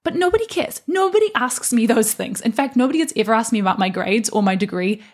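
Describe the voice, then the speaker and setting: A young adult woman hosts a solo motivational podcast as a life coach, earnest, encouraging and emphatic. Her voice is a little high, and she talks fast and animatedly.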